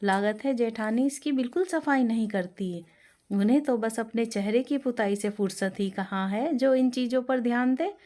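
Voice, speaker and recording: A woman's voice: a little high, normal speed, natural voice. A woman doing a jumpy rustic village bride. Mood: fussy. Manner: loud, excitable exclamations. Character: naive rustic young village daughter-in-law, easily frightened.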